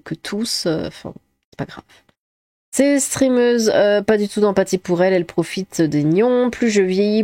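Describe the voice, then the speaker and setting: A woman's voice: on the low side, darkish tone, dry recording. A woman streaming live, giving blunt, opinionated reaction commentary with rambling asides while reading chat aloud, on a close desk mic.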